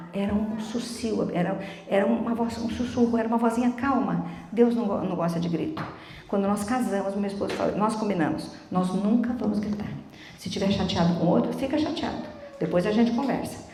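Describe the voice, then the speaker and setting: A middle-aged woman giving a sermon in a church, telling stories with animated, quick speech and asking the congregation questions. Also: medium pitch. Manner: animated storytelling, quick talk. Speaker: church speaker. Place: church sanctuary. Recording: echoey church hall.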